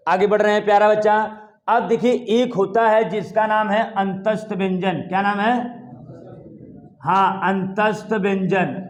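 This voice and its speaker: A man teaching a Hindi exam-prep lesson at a board, lively, asking his students questions over and over. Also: high-pitched, echoey room. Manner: lively, repeats questions to students, calls them "dear child". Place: classroom with a board.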